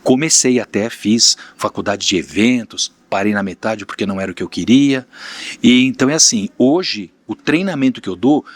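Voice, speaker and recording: A man's voice: mid-range voice, no room sound. A man from Brazil, a podcast guest and mentor, telling candid stories of his businesses in casual interview talk. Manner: storytelling, plain-spoken, candid.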